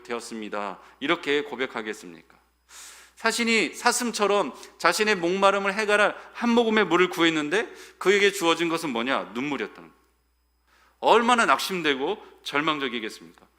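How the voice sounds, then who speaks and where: Man in middle age, pastor giving a sermon, animated delivery that moves from loud to quiet. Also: on the high side. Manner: expressive preaching, swings from loud to hushed.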